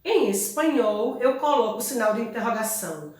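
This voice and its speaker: Woman, teacher explaining a lesson, fairly high voice, very echoey room. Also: animated, moderate pace, darkish tone. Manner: explanatory, checks in with tags like "ok?" and "tá?". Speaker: Spanish teacher. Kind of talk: online class lecture. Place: room at home.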